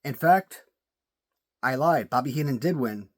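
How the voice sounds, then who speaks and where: This toy collector has a medium-pitched, darkish voice with lively intonation and a measured pace as he gives casual video commentary on his action figures. Chatty by nature, he restarts and repeats words while he thinks, his voice sore and cracking.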